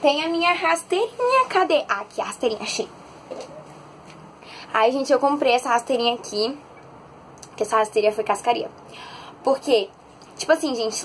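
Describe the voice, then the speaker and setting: Woman, bright high voice, bubbly animated storyteller, casual bedroom vlog. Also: a little hiss or hum. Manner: chatty and excitable, animated storytelling. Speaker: vlogger. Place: bedroom at home.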